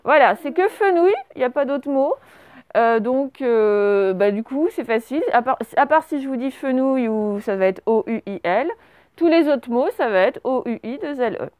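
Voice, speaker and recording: Woman teacher, high voice, patient, slow letter-by-letter dictation to young pupils. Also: expressive, a little mellow, clean tone, no room sound. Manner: slow, spells out words letter by letter; patient and encouraging. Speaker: primary school teacher. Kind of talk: dictation lesson for young children.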